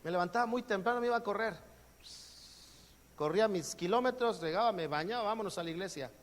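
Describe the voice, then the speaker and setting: A man's voice: sits high, fast. A man with a Mexican accent preaching a sermon as pastor, joking and acting out everyday exchanges. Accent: Mexican Spanish. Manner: jokey, acts out everyday exchanges. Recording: long hall reverb.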